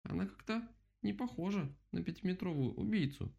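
A man voicing a small, excitable field vole with a shrill voice. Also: unhurried, muffled recording. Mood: excited.

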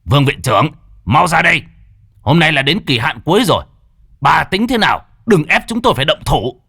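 A man voicing a loud, threatening male gang underling in a storybook reading. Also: a little high, very animated, fairly quick, breathy edge, voice pushed up, full character voice. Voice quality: shouting, threatening.

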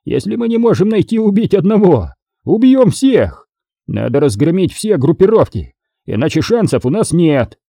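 A volatile, furious gang boss snarls and roars his threats, as a male narrator puts him on. The voice climbs well above the reader's own, husky and dark. It is a dry audiobook reading. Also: high voice, very animated, moderate pace, hardly any pauses, no room sound, voice pushed up, heavily acted. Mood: raging. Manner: snarling, yelling threats in bursts.

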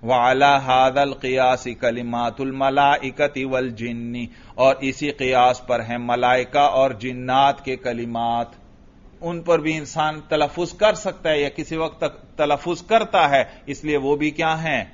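A man's voice: on the high side, fairly even intonation. Man teaching, muffled old lecture tape. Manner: asks questions and repeats the answers; chants Arabic text in a melodic recitation. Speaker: religious teacher. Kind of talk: classroom lecture on Arabic grammar and logic.

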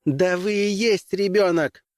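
A man's voice: high voice, unhurried, no echo, studio quality, pitched above the performer's own voice. A man playing an icy female commissar. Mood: sharp. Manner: icy, clipped, lecturing. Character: stern, cold middle-aged woman commissar.

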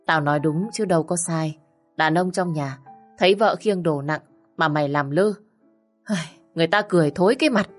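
A woman voicing a blunt, coarse older neighbor woman who scolds fast and loud. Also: low-pitched, faint music behind. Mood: scolding.

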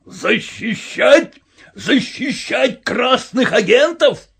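A man's voice: extremely high pitch, animated, drawn-out words, creaky, breathy edge, pitched above the performer's own voice, full character voice. Storybook villain: a bellowing officer in a rage, a man putting him on. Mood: furious. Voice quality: shouting, barking.

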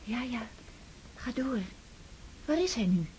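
Soft-spoken young Natasja. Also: female voice, fairly high pitch, very animated, slow, a little hiss or hum, rough recording. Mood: eager. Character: Natasja, young woman, attentive and tender.

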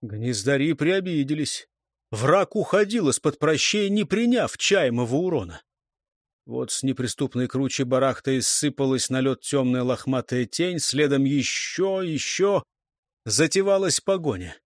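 A man's voice: mid-range voice, animated, measured pace, no echo, clean studio sound. A man narrating an audiobook in a dramatic, vivid reading style.

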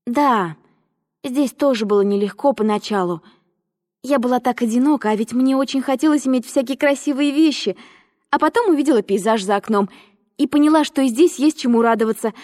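A woman's voice: high voice, a little mellow, voice pushed up, close to an everyday voice. A woman voicing a cheerful, eager little girl who talks with bubbly, breathless enthusiasm. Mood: earnest. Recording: long reverb.

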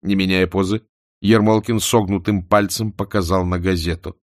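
A man narrating a humorous novel in a wry, expressive storytelling manner on a close studio mic. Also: low-pitched, normal speed, no echo. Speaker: audiobook narrator.

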